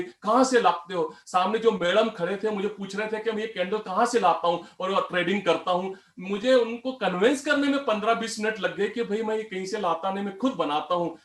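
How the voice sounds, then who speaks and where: A man's voice: high-pitched, echoey room. A middle-aged man giving a motivational storytelling talk at an event, acting out the dialogue of the people in his story. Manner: animated storyteller, acts out dialogue. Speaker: motivational speaker. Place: event hall.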